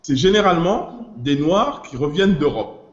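A man's voice: on the high side, expressive, normal speed. A man co-hosting a casual podcast panel, explaining at length, restarting phrases and dropping in English expressions. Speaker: podcast co-host. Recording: muffled, roomy podcast recording.

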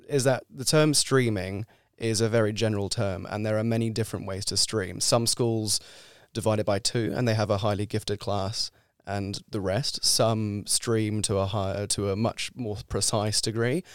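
A young man from France, a guest researcher in a podcast interview, explaining at length in a measured way with small restarts. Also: fairly low pitch, clean tone, dry recording, studio quality. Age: young adult.

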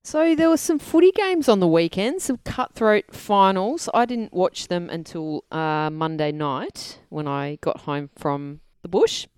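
A woman's voice: lowish voice, unhurried, hardly any pauses, darkish tone, clear, resonant tone, no echo. An Australian woman hosting a casual sports chat podcast. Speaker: podcast host.

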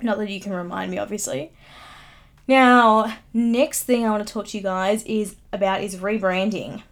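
A woman's voice: medium pitch, fairly even intonation, fairly quick, a little mellow. A young woman of about nineteen chatting on her own podcast, rambling and teasing herself, recorded close on a good mic at home. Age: late teens. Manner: chatty, self-mocking, giggly asides. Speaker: YouTuber. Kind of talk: casual solo podcast chat. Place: home room, upstairs. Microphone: studio microphone, close.

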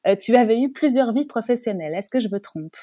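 Woman interviewer, mellow warm voice, friendly, encouraging questions. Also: a little high, animated, quick pace. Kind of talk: conversational interview.

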